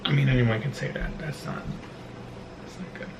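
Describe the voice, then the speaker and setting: A man co-hosting a vlog in casual chat, rambling and self-deprecating, with halting restarts. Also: medium pitch, noisy background. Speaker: vlog co-host. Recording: roomy echo.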